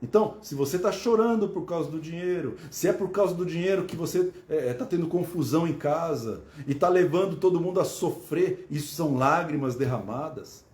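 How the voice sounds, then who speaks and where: A man's voice: on the high side, a little fast, few pauses, a little mellow, echoey room. A man preaching a sermon, asking his listeners questions and repeating phrases for emphasis.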